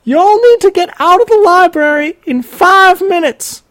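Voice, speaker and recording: A man putting on the voice of a panicky, heavyset woman making an announcement over a library loudspeaker, with a shrill drawl. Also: expressive, a little slow, no room sound, heavily acted.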